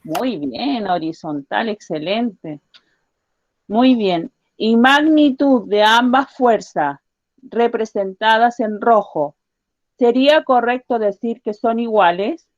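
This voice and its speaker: A woman teacher giving a science lesson to children, patiently repeating her questions and slowly spelling out each point. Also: a little high, animated, no room sound, muffled recording. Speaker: primary school teacher.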